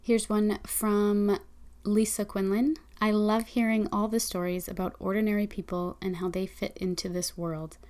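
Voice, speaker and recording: A woman podcast host reads listener reviews and introduces her guest in a friendly, unhurried manner, with the odd um. Her voice is medium in pitch with a darkish tone and a flat delivery.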